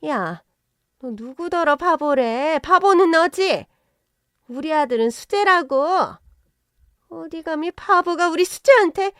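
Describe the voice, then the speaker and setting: A woman's voice: very animated, a little slow, darkish tone, no echo, studio quality. A woman voicing a brash, scheming middle-aged mother-in-law who turns from indignant to fawning. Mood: shrill. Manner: shrill and indignant, then fawning.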